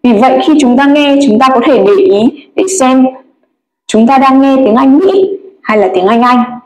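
High-voiced woman teaching pronunciation. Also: lively intonation, moderate pace, a little mellow, echoey room, poor audio. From Vietnam. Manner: patient, careful explaining and modelling sounds. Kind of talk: recorded pronunciation lesson.

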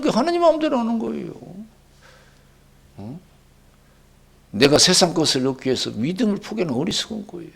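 A male pastor preaching a sermon, with sudden loud rising bursts and quoted dialogue. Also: high voice, gravelly, slightly rough.

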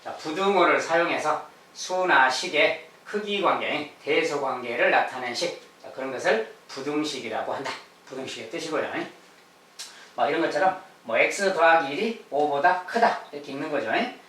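A man's voice: on the high side, sharp tone. Guy teaching math, draws out the key bits, says "ja" a lot, echoey room, faint background hiss. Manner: drawn-out, repeats key phrases slowly; frequent "ja" and "ye" fillers. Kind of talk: lecture. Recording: echoey room, mic at a distance.

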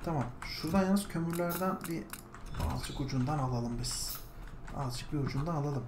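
A woman's voice: low voice, normal speed. A woman streamer casually talking through her gameplay, chatty, now and then coaxing her pet bird. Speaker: gaming streamer. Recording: echoey room with background noise. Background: a bird squawking.

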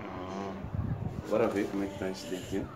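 A man's voice: deep voice, little pitch movement, normal speed, background noise. A young man from the northeast speaking as a father in a casual home video, patiently coaxing his child with step-by-step instructions. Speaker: father filming his son.

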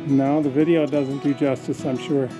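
A man's voice: medium pitch, little pitch movement, moderate pace, loud music behind the voice, poor audio. A man in his forties narrating casually while hiking a forest trail, musing aloud about the trees, recorded on an action camera outdoors. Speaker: hiking vlogger. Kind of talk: casual commentary on a hike. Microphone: action camera held or worn.

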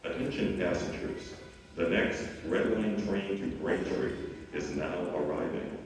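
A man making a measured, formal transit announcement heard over a station loudspeaker on an underground subway platform. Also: deep voice, background noise. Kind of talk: public address announcement. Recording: echoey station hall, far off, loud music.

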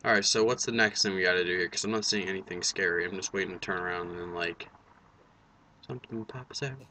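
A young man hosting a casual let's play in a fairly low voice with a bright, forceful edge. He is reactive and jokey, and swears freely. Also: fast talker, a little hiss or hum. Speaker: gaming video host.

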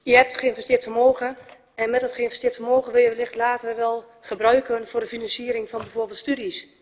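A woman's voice: fairly high pitch, flat delivery, a little fast. A woman in her twenties, a resident giving a composed, earnest prepared statement at a council debate. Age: 20s. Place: council chamber. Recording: reverberant council chamber.

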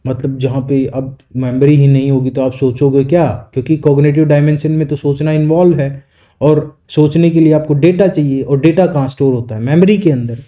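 A man teaching an exam-prep lecture, explaining in Hindi and reading definitions slowly in English. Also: fairly high pitch, steady tone, dark tone, muffled recording.

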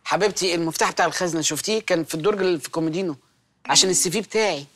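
A man's voice: high voice, rapid-fire, a bit bright. A man with an Egyptian accent playing a jobless, teasing, henpecked young husband in a comic film scene, by turns meek and mocking. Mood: pleading. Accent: Egyptian Arabic. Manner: meek, then mocking and exaggerated. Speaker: film comedian.

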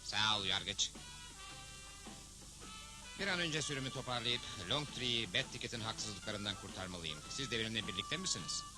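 Man voicing Red Kit, lively cartoon cowboy hero. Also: on the low side, moderate pace, long pauses, over music, natural voice, low-quality recording. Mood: resolute. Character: steady, good-natured heroic cartoon cowboy. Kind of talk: animated western cartoon dub.

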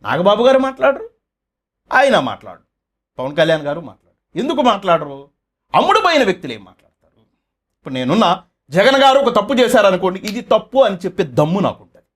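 Man, very high voice, lively swooping pitch, fiery accusatory political rant. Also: quick pace, pauses often. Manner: fiery, accusatory, rhetorical questions. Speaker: political commentator running his own channel. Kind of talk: political commentary monologue.

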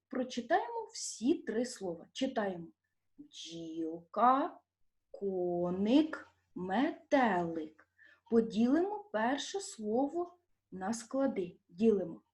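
A warm-toned woman with a fairly high pitch and a Ukrainian accent gives a primary school lesson. She questions the young children, stretching out stressed syllables slowly and clearly.

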